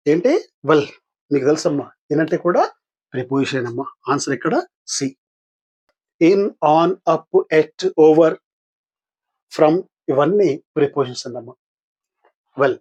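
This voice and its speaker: This exam-practice lesson features an older Telugu-accented man explaining English grammar, asking his audience questions with patience before supplying the answers. His voice is slightly husky, pitched somewhat high, and a little mellow.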